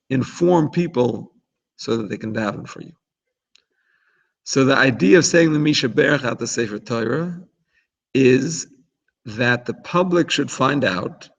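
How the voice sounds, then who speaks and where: A man's voice: medium pitch, gravelly, husky, dull audio. A man teaching an informal religious class in a chatty, explanatory way, often restarting his sentences. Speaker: Torah teacher.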